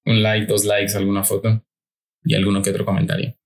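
A man's voice: fairly low pitch, monotone, brisk. A man from Mexico with a Mérida accent, co-hosting a podcast in casual, joking chat and teasing his friend. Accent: Mérida, Yucatán Mexican Spanish. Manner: joking, teasing, laid-back. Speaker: podcast co-host.

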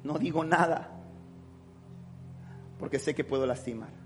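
A man preaching a sermon as pastor, swinging between shouted passion and quiet, confiding talk. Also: a little high, measured pace, soft background music. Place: church with long reverb. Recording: reverberant church hall.

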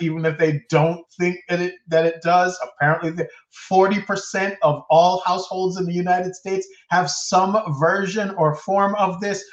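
Male podcast host, higher voice, rambling jokey chat, roomy slightly muffled room sound. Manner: rambling, jokey, laughs between phrases.

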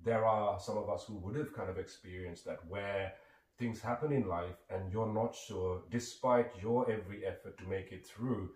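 A Sri man with a low, deep voice speaks as a guest, earnest and reflective. He sounds set back from the microphone, and the room around him is echoey. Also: fairly even intonation, moderate pace, a little mellow. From Sri Lanka. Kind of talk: reflective conversation. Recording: echoey room, distant mic.

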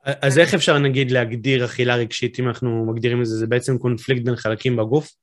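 A man's voice: medium pitch, steady tone. A man hosting an interview, asking curious, musing questions with frequent fillers. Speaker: podcast host.

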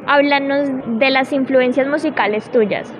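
A woman's voice: high voice, a little slow, highs cut off, a crowd in the background. A woman interviewing an artist, asking long, wordy questions. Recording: street noise with passing vehicles.

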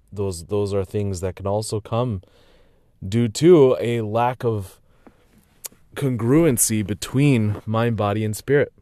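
Tired man with a low voice, reflective vlog chatter full of ums, recorded dry. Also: darkish tone, no room sound. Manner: rambling, reflective, with many fillers and restarts. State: tired, with hiccups. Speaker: vlogger. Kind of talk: casual personal monologue.

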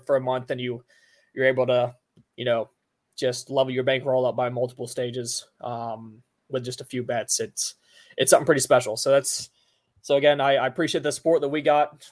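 Rambling male podcast host, mid-pitched. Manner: rambling, hesitant, halting phrasing with many you-knows. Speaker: golf betting podcast host. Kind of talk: casual podcast chat.

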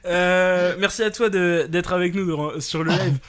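Young male host with a high voice. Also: normal speed, a bit bright, clean tone. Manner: hesitant, thanking viewers, laughing. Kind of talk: live stream talk show.

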